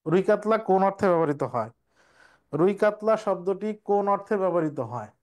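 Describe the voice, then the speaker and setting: A man's voice: sits high, animated, fairly quick, darkish tone. A young man, teaching an exam preparation class and explaining step by step, repeating each question before answering it.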